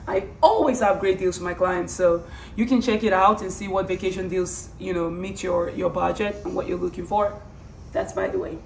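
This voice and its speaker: A woman with a hoarse voice that is giving out, talking casually and earnestly in a personal vlog, rambling and repeating phrases for emphasis. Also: fairly low pitch, steady tone, moderate pace, darkish tone. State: hoarse, losing her voice. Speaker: vlogger. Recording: roomy, distant mic, faint background noise.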